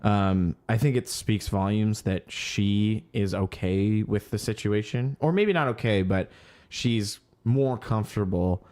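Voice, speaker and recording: This podcast co-host has a lowish, darkish voice and an unhurried delivery with few pauses. Reading the music news on a casual show, he sounds hesitant, saying um a lot and letting sentences trail off as he gropes for words.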